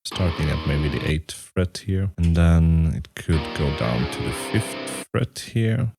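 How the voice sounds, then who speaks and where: A man composing a metal song on his computer, talking through each step and humming out rhythms. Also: dark tone. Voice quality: very deep, gravelly voice. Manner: thinking aloud, humming and scatting rhythms. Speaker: musician and YouTuber. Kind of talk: casual talk-through while composing.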